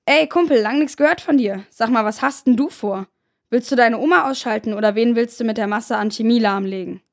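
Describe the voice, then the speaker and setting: Woman doing a loud brash dealer guy. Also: on the high side, fairly quick, lightly acted. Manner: shouting, slangy and blunt. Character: loud chain-smoking male drug dealer, brash and coarse.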